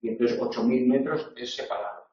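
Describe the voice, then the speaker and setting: A man's voice: mid-range voice, fairly even intonation, brisk, mellow, far from the mic. A man with a Spanish accent from Spain, lecturing on spelling rules, explaining patiently with wry asides and frequent "eh" fillers. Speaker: university lecturer. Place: classroom tutorial. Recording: echoey room, voice off-mic, dull lo-fi sound.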